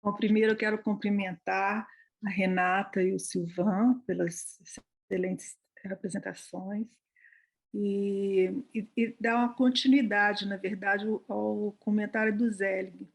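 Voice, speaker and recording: A woman participant speaking in a measured, formal way in an online discussion over a video call. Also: medium pitch, fairly even intonation, creaky. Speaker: meeting participant.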